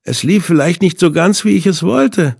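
A man voicing a mocking, menacing male captor with a knife, reading him slowly and with open contempt in a husky voice. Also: sits high, darkish tone, no room sound, studio quality, pitched above the performer's own voice, heavily acted. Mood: taunting. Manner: sneering, taunting, slow and deliberate.

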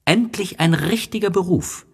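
The Little Prince, a man doing a high, curious young boy. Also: normal speed, husky, full character voice. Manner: high, wondering, pressing questions. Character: small boy prince, curious, earnest, insistent. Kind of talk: audiobook reading.

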